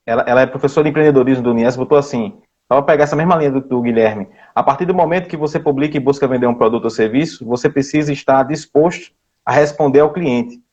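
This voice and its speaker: A man co-hosting a live-stream chat, quickly reading out viewer comments with fillers. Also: mid-range voice, darkish tone, muffled recording.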